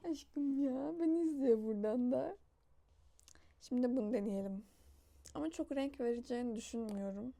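High-voiced young woman vlogging casually. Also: moderate pace, gravelly, dark tone. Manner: chatty, laughs often, coos at a little child. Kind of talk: casual vlog chat.

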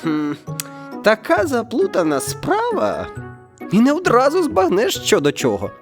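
A man's voice: very high-pitched, wildly swooping pitch, a little slow, over music, voice pushed up, heavily acted. A man voicing a sly male jackal in a storybook reading, who plays confused and hesitant. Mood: feigned puzzlement.

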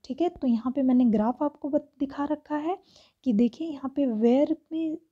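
A woman teacher, reading exam questions aloud slowly and explaining each answer step by step. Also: high-pitched, dark tone, lo-fi sound. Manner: slow, reads English questions aloud word by word then explains in Hindi. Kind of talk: exam-prep lesson.

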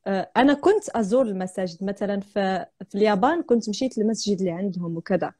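The audio comes through a laptop or phone camera as a young woman hosts a livestream from a room at home. Her medium-pitched, dark-toned voice carries a Moroccan Arabic accent and runs very fast while she laughs and chats casually through her stories.

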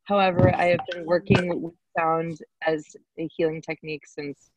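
A woman in her thirties, a sound healer, introducing herself warmly on a video call. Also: sits low, level tone, moderate pace, no room sound. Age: 30s. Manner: warm, eager. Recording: dull dry call audio.

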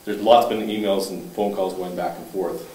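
Low-voiced male councillor, halting and plain-spoken; distant, echoey room mic. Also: fairly even intonation, a little mellow, slight background noise. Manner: halting, with restarts and fillers, matter-of-fact. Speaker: town councillor. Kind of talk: reporting at a council meeting. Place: council chamber, indoors. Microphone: far room mic.

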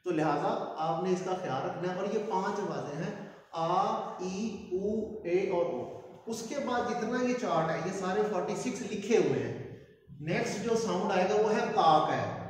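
A man teaching a video lesson and slowly drawing out each sound in pronunciation drills. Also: high-pitched, lively intonation, a little hiss or hum. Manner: slow drawn-out pronunciation drills. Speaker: language teacher. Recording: echoey room from far off.

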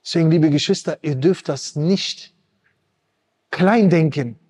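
A high-pitched man preaches with passion, his voice climbing into pleading cries. He sounds like he is in his thirties and speaks straight to his listeners. The sound rings with a long reverb, as if in a large mosque hall. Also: unhurried, darkish tone, husky. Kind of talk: emotional sermon.

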